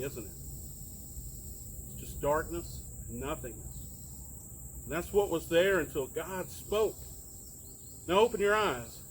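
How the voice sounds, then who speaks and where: A man plays a friendly Bible patriarch telling stories to children, his voice sitting a little high as he chats along and asks his young listeners questions. He's recorded outdoors among trees and plants, with clear insect noise around him, and the recording quality is low.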